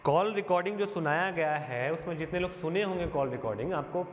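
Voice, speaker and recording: In an aggrieved, earnest monologue of self-defense, a teacher with a fairly high voice talks fast and expressively, piling up his points one by one. The recording is muffled and roomy, carrying long reverb and faint background hiss.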